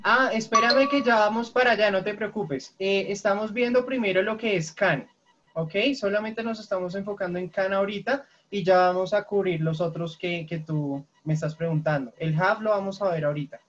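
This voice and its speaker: A woman's voice: mid-range voice, moderate pace. A woman teaching an English class over a video call, explaining grammar patiently and checking often for questions. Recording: lo-fi online call audio.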